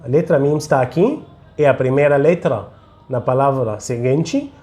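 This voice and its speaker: A man teaching Quran recitation in a slow tutorial, patiently repeating syllables for the learner to follow. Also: medium pitch, dark tone.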